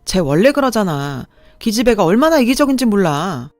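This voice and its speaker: A woman's voice: medium pitch, big pitch swings, a little fast, no room sound, soft background music, close to an everyday voice. A woman voicing a spoiled, selfish older sister who talks in a whiny, dismissive way.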